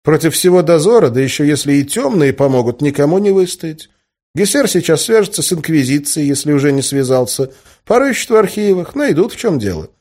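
A man reading the part of a calm, practical woman, the narrator's wife, in a husky voice. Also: on the high side, fairly quick, voice pushed up. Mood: reassuring.

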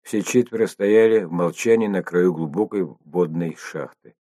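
A man narrating an audiobook in a steady, even storytelling manner. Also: low voice, moderate pace, dry recording, clean studio sound.

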